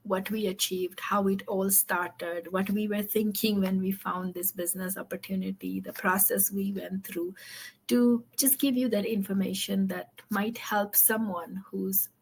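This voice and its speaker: A woman's voice: medium pitch, level tone, measured pace, gravelly, a little hiss or hum. A woman from Fiji hosting an online interview, upbeat and friendly, with many fillers. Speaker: host.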